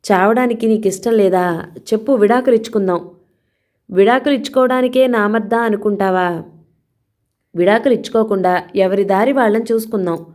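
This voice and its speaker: A woman's voice: medium pitch, a little fast, pauses often, darkish tone, pitched above the performer's own voice, lightly acted. A woman reading a furious, menacing husband. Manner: harsh, commanding threats. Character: furious menacing husband, threatening his wife.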